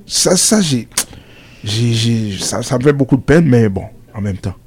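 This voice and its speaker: A man's voice: medium pitch, lively intonation, unhurried, a little mellow, husky. A middle-aged man hosting a casual discussion, asking probing questions and interjecting with teasing remarks. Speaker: host.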